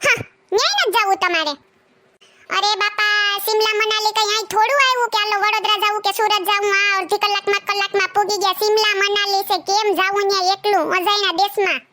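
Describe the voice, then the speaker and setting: A man's voice: very high voice, steady tone, brisk, very noisy. A man playing a stingy, grumbling husband. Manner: grumbling, defensive excuses. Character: stingy, evasive young husband.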